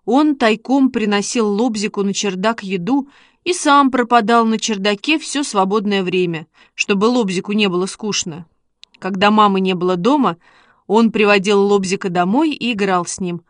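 A woman narrating a children's story in a steady, measured reading. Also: medium pitch, dry recording, studio quality. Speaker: audiobook reader.

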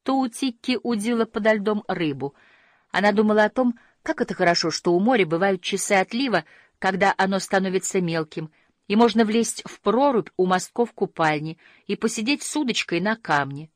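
A woman narrating a storybook in a gentle, measured reading that slows at quiet moments. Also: medium pitch, animated, no room sound, clean studio sound.

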